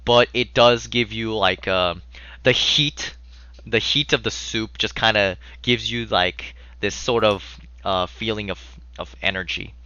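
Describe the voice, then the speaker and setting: A man improvising tabletop game narration as game master, casual, halting and sweary. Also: fairly low pitch, pushed and bright, smooth, dry recording, lo-fi sound.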